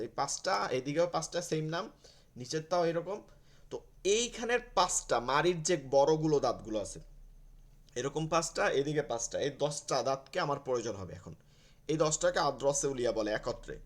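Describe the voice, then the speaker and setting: Male teacher, online class over a video call, patient, models sounds repeatedly. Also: on the high side. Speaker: Quran teacher.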